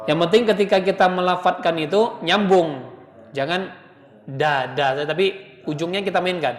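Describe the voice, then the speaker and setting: A man's voice: sits high, normal speed, echoey room, in a large hall. A man teaching Quran pronunciation, patiently demonstrating letter sounds and chanting short words.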